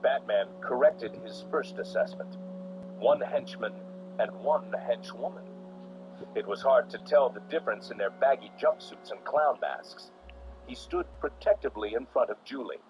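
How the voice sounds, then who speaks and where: A man reading a storybook aloud on a stream, with expressive delivery. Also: medium pitch, normal speed, music in the background. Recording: dull lo-fi recording with faint noise.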